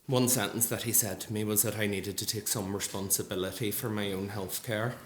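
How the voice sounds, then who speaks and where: Earnest low-voiced man in echoey hall. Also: steady tone. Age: 30s. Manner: earnest, measured, with frequent ums. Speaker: nurse speaking at a support group event. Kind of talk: personal testimony speech. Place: large gallery hall. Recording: echoey hall with faint ambience.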